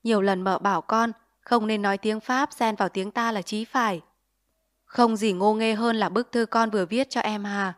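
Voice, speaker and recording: A woman's voice: mid-range voice, steady tone, lightly acted. A woman reading a stern, earnest father. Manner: grave, didactic, measured. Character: stern, earnest middle-aged father lecturing his son.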